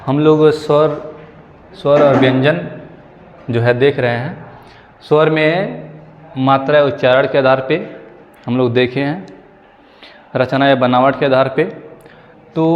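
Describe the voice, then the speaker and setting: A male teacher giving a slow, repetitive grammar lesson for exam prep, checking in with his students often. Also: mid-range voice, big-room sound, lo-fi sound. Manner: explains slowly, repeats key points and asks "ठीक है".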